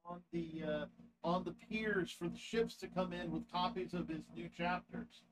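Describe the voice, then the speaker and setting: A man hosting a podcast interview, speaking haltingly with many fillers and a playful touch. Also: high-pitched, steady tone, poor audio. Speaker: podcast host. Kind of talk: casual interview chat.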